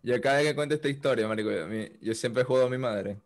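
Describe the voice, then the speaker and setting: A young Venezuelan man spins an animated childhood anecdote, full of swearing and loose asides. His voice sits at an ordinary middle pitch in an easygoing podcast chat. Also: quick pace. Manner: animated, swearing, laughing storyteller. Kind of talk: casual storytelling.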